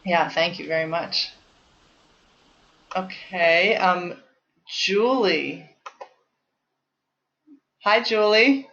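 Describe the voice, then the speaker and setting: A health coach leading a course talks with a participant on an online conference call, encouraging and talkative with lots of fillers. Her voice is lowish and a bit bright, and she speaks very slowly with long pauses. The lo-fi call audio is dull and carries a little hiss or hum.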